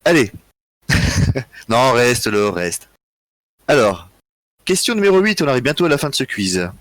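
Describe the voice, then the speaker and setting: A tired man hosting a live history quiz, reading out chat answers in a relaxed, joking way with frequent chuckles. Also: medium pitch, unhurried, no echo. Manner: relaxed, joking, chuckles often, thinks aloud. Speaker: quiz host.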